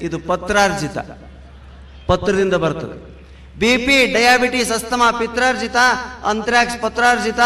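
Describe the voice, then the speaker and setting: A man with a North Karnataka Kannada accent spins folksy comic anecdotes in a high, bright voice. The sound is roomy, ringing with a long hall reverb as he builds each punchline. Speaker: stand-up comedian. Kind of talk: humorous storytelling to a live audience.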